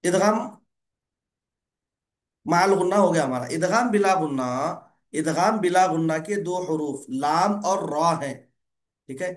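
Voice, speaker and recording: Male tutor with a somewhat high voice, gentle corrective teaching manner, repeats rules patiently. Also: a little slow, pauses often. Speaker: Quran recitation teacher. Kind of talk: online tutoring lesson.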